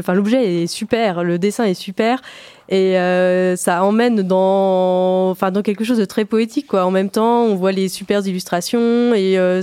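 A woman on a radio panel sharing her enthusiasm for a book, often pausing to find her words. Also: medium pitch, dark tone, clean tone, no room sound, studio quality. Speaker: radio panelist reviewing books. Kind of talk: casual radio book review chat.

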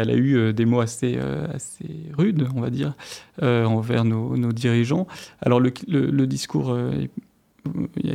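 A man's voice: mid-range voice, gravelly, dark tone. A man speaking as a researcher guest on a radio show, hesitant and full of fillers and restarts. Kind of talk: radio interview answers. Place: radio studio.

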